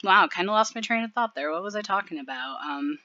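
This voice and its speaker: Chatty woman commentator, filler-heavy, bright tone, dull dry recording. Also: on the low side, animated, brisk, no echo. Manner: rambling, lots of fillers. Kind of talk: casual video commentary.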